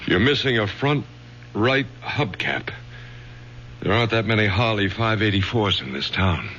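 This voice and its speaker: With a lowish voice, lively intonation and moderate pace, slightly bright, an actor portrays a stern middle-aged college professor and father giving firm, clipped commands. The style is 1970s radio drama, and the dull vintage recording carries a faint hum.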